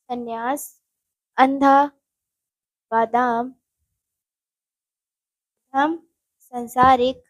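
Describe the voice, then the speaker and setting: A woman's voice: a little high, no echo, rough recording. A woman teaching Hindi spelling for exam preparation, explaining words step by step and chatting directly to her viewers. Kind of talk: spoken exam-prep lesson.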